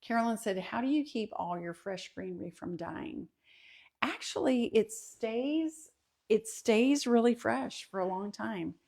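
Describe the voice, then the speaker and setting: A woman's voice: on the high side, lively intonation, unhurried, vocal fry, a little mellow. Woman home vlogger, casual livestream host, lots of ums while reading comments. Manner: chatty, with many ums, reads comments aloud. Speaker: host of a home and kitchen channel.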